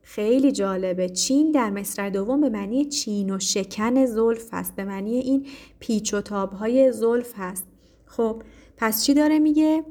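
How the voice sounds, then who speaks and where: Woman teacher, patient explainer with many pauses, warm mellow voice. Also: on the high side. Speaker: literature teacher. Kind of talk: explaining poetry to students.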